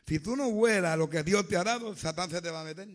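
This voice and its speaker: A man preaching a fervent sermon, swinging from hushed to loud. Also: sits high, quick pace.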